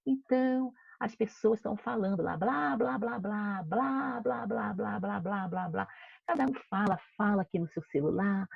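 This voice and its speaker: A woman's voice: medium pitch, creaky, slightly rough, no echo, dull audio. A woman teacher with a Brazilian Portuguese accent reads a children's story aloud to her class in an online lesson, playing with sound words. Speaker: primary school teacher.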